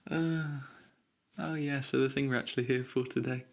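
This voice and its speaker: A man speaking softly in a silly, rambling way for an ASMR video, reading out his own odd writings. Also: mid-range voice, steady tone, normal speed, vocal fry. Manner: silly, rambling, self-amused. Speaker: ASMR creator.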